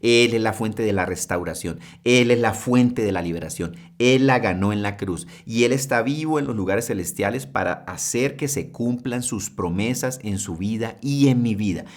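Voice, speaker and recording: A man's voice: fairly low pitch, moderate pace, hardly any pauses. Man preaching with rhetorical questions. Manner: emphatic, many rhetorical questions; checks in with "¿sí?" and "¿mm?". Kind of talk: sermon.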